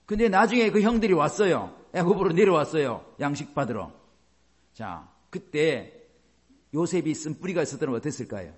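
A middle-aged man preaching a sermon as a pastor, animated, with many rhetorical questions. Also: fairly high pitch, normal speed, breathy edge.

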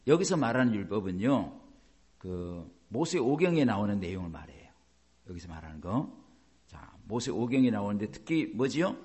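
A man's voice: mid-range voice, darkish tone, husky. A man preaching a sermon as a pastor, explaining by asking the congregation questions and acting out quoted voices.

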